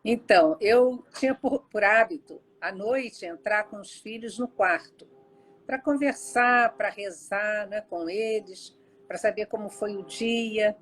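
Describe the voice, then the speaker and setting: A woman's voice: mid-range voice, slow pace, a little hiss or hum, low-quality recording. An older woman with a Brazilian accent, telling a family story in a casual testimony and acting out the quoted dialogue. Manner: warm storyteller who acts out quoted dialogue. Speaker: guest, mother recounting her son's life.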